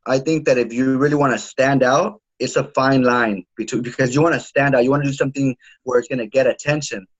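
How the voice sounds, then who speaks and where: Speaking as a casual interview guest, a home security salesman in his thirties keeps restarting his thoughts and fills pauses with "uh" and "you know." His mid-range voice holds a steady tone, captured with lo-fi sound.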